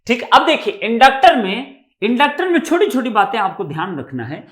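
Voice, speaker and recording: A man's voice: extremely high pitch, very animated, normal speed, fairly bright tone. An Indian-accented man teaching a live online class, with a voice that climbs and dips as he explains. He repeats his key points and keeps checking whether his students are following. The sound is roomy, with a noticeable echo. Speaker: online exam-prep teacher.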